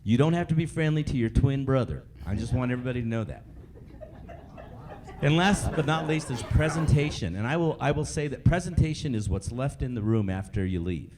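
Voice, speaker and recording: A man's voice: medium pitch, expressive, brisk, a crowd in the background. A man presenting a live customer service training to a group, repeating his points and asking the audience questions. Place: meeting room with a live audience.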